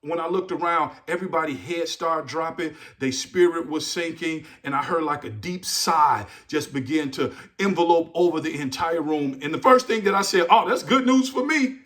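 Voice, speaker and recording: A middle-aged man hosting a motivational podcast, speaking in a preacherly style that repeats phrases and builds up to shouts. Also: fairly high pitch, normal speed, hardly any pauses. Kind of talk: motivational speech.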